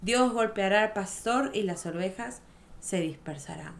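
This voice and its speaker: A woman's voice: mid-range voice, a little slow, creaky. A woman chatting casually and laughing with a friend as they read through a Bible passage and share notes. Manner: lively, laughing, reads verses aloud. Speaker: co-host of a Bible study chat. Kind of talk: casual Bible study chat.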